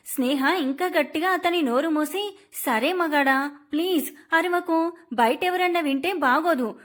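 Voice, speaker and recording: A woman narrating a romantic family story in an emotive, expressive storytelling manner. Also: very high-pitched.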